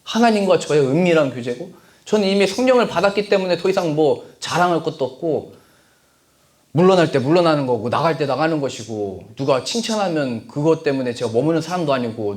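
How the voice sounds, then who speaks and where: A middle-aged male pastor preaching a sermon. He swings between raised, urgent points and soft, low prayerful asides.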